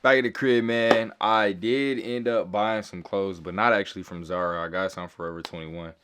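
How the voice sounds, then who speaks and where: A man's voice: lowish voice, fairly even intonation, moderate pace, a bit bright, slight background noise. A young man casually vlogging to camera in a laid-back, slangy way. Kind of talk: casual vlog talk to camera. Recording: background music throughout.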